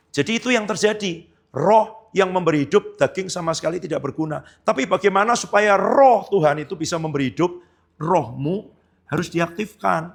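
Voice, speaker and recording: A man's voice: fairly high pitch, creaky. A man pastor preaching a sermon in a conversational way, often asking the congregation questions.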